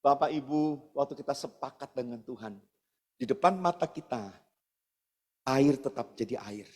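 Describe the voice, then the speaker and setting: A man's voice: medium pitch, expressive, moderate pace. A male pastor giving a casual, chatty storytelling sermon, speaking directly to his congregation. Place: church service hall. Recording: long church reverb, soft guitar behind.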